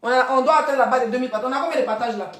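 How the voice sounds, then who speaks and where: A woman, hosting a casual live stream and telling gossip straight to her viewers in a chatty, animated way. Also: high-pitched, racing, reverberant. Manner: chatty, animated storytelling, addressing viewers directly.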